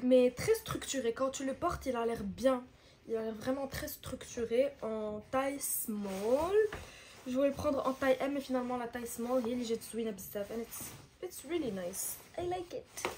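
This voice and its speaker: Young woman doing a haul vlog, high voice, flips languages mid-sentence, bit of hiss. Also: a little mellow. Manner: chatty, switching between languages mid-sentence. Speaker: vlogger. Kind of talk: casual haul vlog chat.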